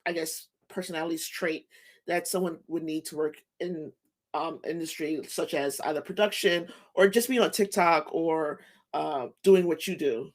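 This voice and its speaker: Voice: mid-range voice, fairly even intonation, moderate pace. An interview host asking questions in casual chat, enthusiastic and laughing often.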